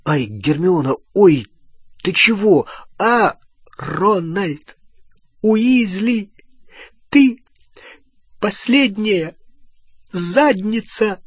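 A shrill, furious teenage witch screams her accusations and drops biting sarcasm, as a male reader puts her on. The voice is pushed far up high and swings wildly, delivered slowly and loudly. The sound is husky and dry, close to the mic. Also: lively intonation, no room sound, exaggerated voice. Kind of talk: audiobook role reading.

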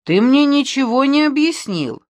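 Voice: mid-range voice, sing-song, moderate pace, husky, no room sound. A reader voicing a naive, curious male demiurge who keeps asking questions in a storybook tale. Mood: curious, puzzled. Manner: wondering, questioning.

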